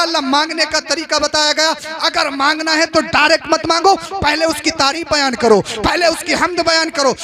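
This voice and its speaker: A man preaching a religious sermon who repeats his phrases and builds to impassioned shouting. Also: very high voice. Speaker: Islamic preacher. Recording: live event with crowd behind.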